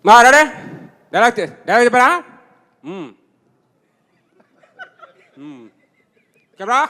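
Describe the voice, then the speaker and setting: A man doing a shrill, bossy film director. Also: expressive, measured pace, pushed and bright, big-room sound, heavily acted. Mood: bossy shouting. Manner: barking orders, scolding the crew. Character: impatient shouting male film director on set.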